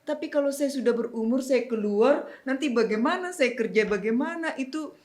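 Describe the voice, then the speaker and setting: Lively nun telling a story. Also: female voice, high voice, normal speed. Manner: animated, laughs often, acts out quoted people. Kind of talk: casual storytelling in an interview.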